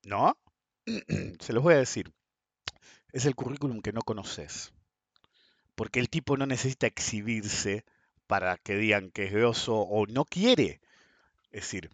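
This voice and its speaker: A man in his fifties speaks with a Rioplatense Argentine accent. He delivers a blunt, sarcastic podcast monologue, and his pitch swings widely as he mocks and scoffs. The recording is dry and close, with no room sound. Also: dry recording. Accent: Argentine Spanish (Rioplatense). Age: 50s. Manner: sarcastic, blunt, swears freely. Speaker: podcast host. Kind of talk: opinionated monologue.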